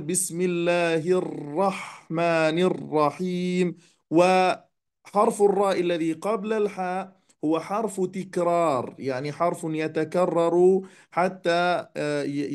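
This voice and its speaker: A man teaching Quran recitation rules, explaining calmly and slowing down to demonstrate the words. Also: high voice. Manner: measured, demonstrates recitation slowly. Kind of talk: tajweed lesson explanation.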